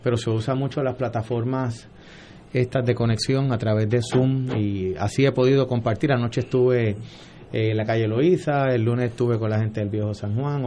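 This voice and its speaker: A man with a Puerto Rican accent answering interview questions as a candidate, halting and full of fillers. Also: mid-range voice, mellow, a little hiss or hum. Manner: hesitant, with many fillers. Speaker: political candidate guest.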